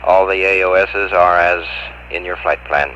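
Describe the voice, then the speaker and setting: A man's voice: sits low, steady tone, normal speed, bright, forceful tone. A man at mission control talking to a spacecraft over the radio in clipped, procedural phrases, heard through a muffled radio transmission. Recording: dull lo-fi radio link with faint hiss.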